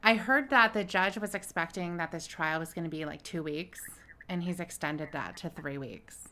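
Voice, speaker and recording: A woman's voice: on the low side, moderate pace, bright, forceful tone, a little hiss or hum. A woman co-hosting a podcast, chatting casually about a court case at home with plenty of fillers and small laughs. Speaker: podcast co-host. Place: home with her dog.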